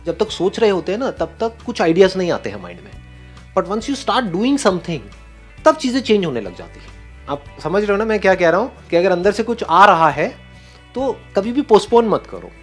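A man giving an animated, encouraging motivational talk to an audience, often laughing. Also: high voice, moderate pace, faint music behind. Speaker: speaker on stage.

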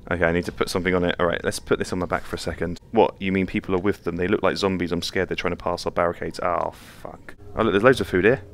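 A VR gameplay channel host plays a horror game on the floor of a room at home, giving live commentary. He's jumpy, swears often and laughs nervously, speaking fast in a low, steady voice with hardly any pauses over a slight hiss or hum.

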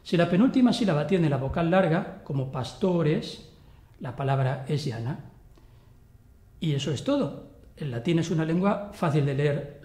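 A man gives a recorded university lecture in a fairly high voice. He explains clearly and slows down to spell out how words sound. The room has a noticeable echo. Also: a little mellow. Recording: echoey room.

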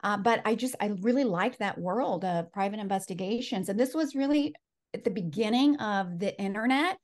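A mid-pitched woman in her forties, a Los Angeles life coach whose first language is Spanish, tells her story at a moderate pace over a video call from her home office. She is earnest and reflective and laughs often, and her voice is picked up by a webcam microphone.

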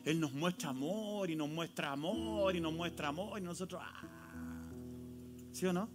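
A Chilean man preaching to his congregation, his voice pitched a little high for a man. He swings between loud rhetorical questions and hushed, intimate pleas. The live church recording carries loud guitar music underneath. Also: normal speed. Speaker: pastor. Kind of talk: sermon with altar call. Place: church sanctuary.

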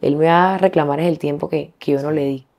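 A young woman from Colombia, a singer being interviewed, talking frankly and colloquially, pausing and restarting as she thinks. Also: sits low, steady tone, darkish tone. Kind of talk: candid interview conversation.

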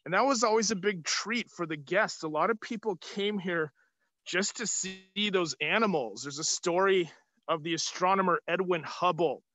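Male tour guide, high bright voice, projecting through a face mask for a kids' live tour. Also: moderate pace, no room sound. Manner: projecting, upbeat, asking the audience questions. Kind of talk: live virtual tour for children. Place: outdoors on an open hilltop terrace. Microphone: phone or camera at arm's length, video call.

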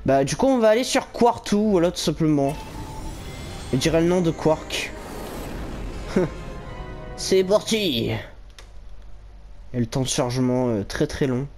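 A man's voice: a little high, animated, slow pace, long pauses, a little mellow, faint music behind. A young man giving casual let's-play commentary, rambling with lots of fillers and little laughs. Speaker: gaming YouTuber.

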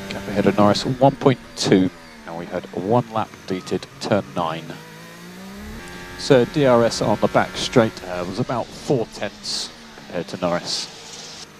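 A man working as a race engineer, giving clipped, calm, terse pit radio calls over a team radio link. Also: on the low side, measured pace. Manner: clipped, calm, procedural instructions. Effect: team radio transmission. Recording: noisy radio link with vehicle hum.

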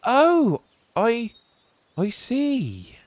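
A man voicing an excitable young male engine with a high, anxious voice. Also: extremely slow, dry recording, heavily acted. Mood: puzzled.

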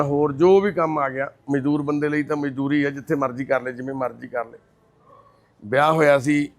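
Soft-spoken man narrating. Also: a little high, gravelly. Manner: gentle, consoling, measured delivery. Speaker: charity worker presenting a case. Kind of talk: documentary-style narration and on-site questioning.

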